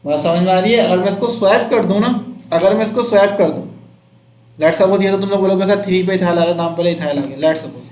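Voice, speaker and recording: A man's voice: sits high, brisk, a little mellow, roomy sound. A man teaching chemistry to a class, quizzing students and counting out numbers as he explains.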